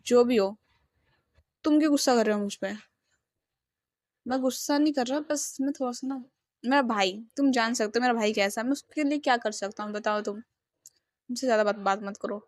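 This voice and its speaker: A woman reading as a reserved, protective young man of few words. His lines come quiet and steady, with a close, dry sound. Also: fairly high pitch, brisk, long pauses, dry recording, natural voice. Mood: irritated.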